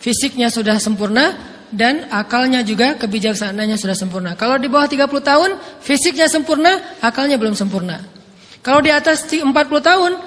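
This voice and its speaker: High-voiced young male preacher. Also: big-room sound. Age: 30s. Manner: animated, acts out quoted dialogue. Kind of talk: sermon storytelling.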